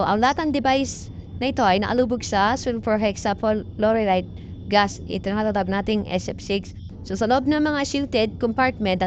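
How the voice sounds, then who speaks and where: A female vlogger with a Filipino accent walks through an informal technical tutorial, explaining haltingly and repetitively while mixing in English technical terms. Her pitch is fairly high. The audio is muffled and lo-fi, with background noise.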